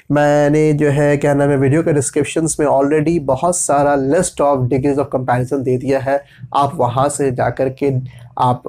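With a slightly high, mellow voice, a man patiently teaches grammar, spelling out letters. He checks in with his listeners often throughout the explanation.

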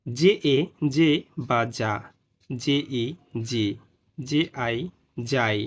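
Speaking extremely slowly at medium pitch, a man teaches English reading as a spoken phonics lesson. One by one, he patiently spells out letter pairs and their sounds, frequently checking in with the listener by saying "ঠিক আছে."

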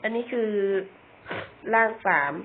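A young man giving casual, chatty commentary on a video game, joking about himself and often repeating words. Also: slow. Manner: chatty, self-mocking, stumbles and repeats words. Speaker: gamer. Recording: tinny phone-like audio with faint noise.

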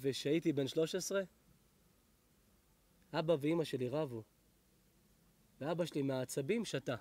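A middle-aged man, a rabbi, giving a lively Torah lesson to an audience, telling stories in a hushed voice and rising into loud blessings. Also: fairly high pitch, breathy edge. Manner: animated, drops to hushed tones for stories, then rises to loud blessings.

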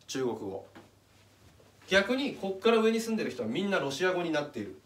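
Guy walking through a chart in a casual explainer, voice a bit high and bouncy, sounds off-mic. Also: big pitch swings, a little fast, fairly bright tone. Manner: explains step by step while pointing at a chart. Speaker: channel host. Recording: echoey room, mic at a distance.

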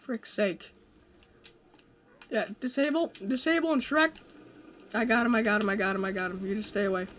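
A young man with a high-pitched voice hosts a co-op game session from his desk mic, chatting casually at a moderate pace with frequent pauses. He's excitable and jokey, often trailing off with fillers as he plays, and there's a little hiss or hum in the background.

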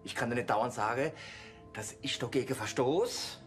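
An actor playing a defiant suspect. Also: male voice, mid-range voice, moderate pace, faint music behind, close to an everyday voice. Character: defiant suspect questioned by police.

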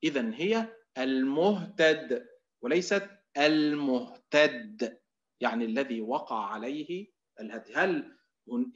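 A man teaching Quran recitation in an online lecture. He explains as he goes, gives drawn-out demonstration readings and fills his pauses with a filler word. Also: mid-range voice, a bit bright, lo-fi sound. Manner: often fills pauses with Egyptian "إيه".

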